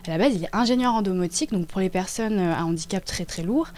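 A woman in her twenties, a dancer and choreographer, talks about her work in a casual interview, halting often as she searches for words. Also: mid-range voice, a little mellow. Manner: halting, with many hesitations.

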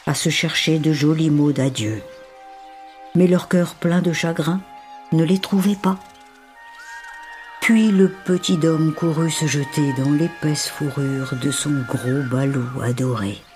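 Male storyteller reading a fairy tale. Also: fairly high pitch. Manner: expressive, measured reading. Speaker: narrator. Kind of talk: scripted storybook narration.

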